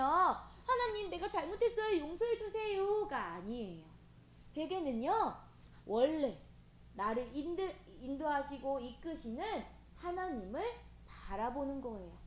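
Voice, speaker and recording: A woman preaching to children, animated and gently coaxing, often asking them questions. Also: sits high. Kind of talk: children's sermon. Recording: echoey room with faint hiss.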